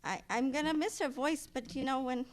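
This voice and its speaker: A middle-aged woman giving a eulogy at a funeral for her mother. She tells personal stories in a rambling way, with many fillers and restarts, and gets loud and animated at the punchlines. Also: sits high, brisk. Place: funeral service.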